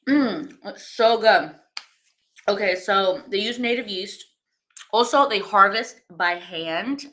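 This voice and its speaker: A woman's voice: medium pitch, lively intonation, slow, fairly bright tone. A woman hosting a wine-tasting livestream, chatting casually and enthusiastically with lots of rambling fillers.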